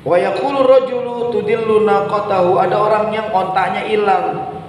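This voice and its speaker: Joking preacher in an echoey mosque. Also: male voice, high-pitched, fairly even intonation, moderate pace. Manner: humorous, chatty, acts out questioners, addresses audience often. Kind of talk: mosque sermon. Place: large mosque hall. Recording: echoey hall with faint room noise.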